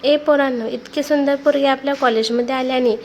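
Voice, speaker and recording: Woman reads a smug young college bully, higher-pitched, storybook villain. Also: fairly even intonation, a little fast, slight background noise. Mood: leering.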